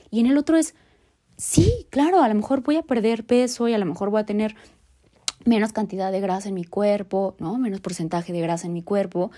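A woman's voice: medium pitch, warm tone. A woman hosting a motivational podcast, talking earnestly and reflectively straight to the listener. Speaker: podcast host.

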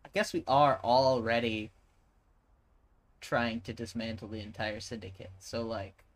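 A man's voice: medium pitch, steady tone, measured pace, rough recording. A man playing a tabletop game, talking casually and rambling with lots of fillers as he reads out rules. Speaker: player.

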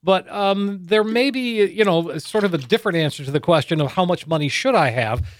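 A man's voice: high-pitched, animated, a little fast. A man hosting a call-in radio show about retirement money, easygoing and agreeable, reading out the phone number.

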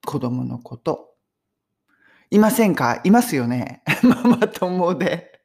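A Japanese woman teaching English phrases in a chatty, animated way, mixing in personal stories. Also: fairly low pitch, slow pace, gravelly, slightly rough. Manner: chatty, animated storytelling with laughs. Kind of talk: casual English lesson.

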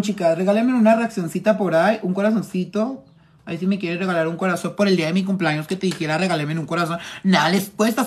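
A makeup artist from Tijuana with a northern Mexican accent, chatting flamboyantly and teasingly on a phone live stream while reading viewers' comments. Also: male voice, high-pitched, husky.

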